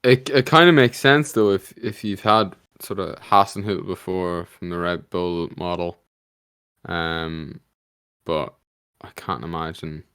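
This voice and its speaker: Male co-host, low smooth voice, halting casual delivery, dry close mic. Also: a bit bright, no room sound. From Ireland. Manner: halting, many restarts. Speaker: podcast co-host. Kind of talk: casual chat.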